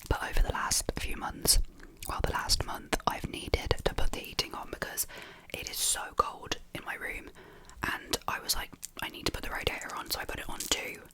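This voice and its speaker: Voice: moderate pace, hardly any pauses, poor audio. Whispered voice, young adult, rambling casual ASMR chat, close-miked, intimate. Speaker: ASMR video creator. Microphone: close mic.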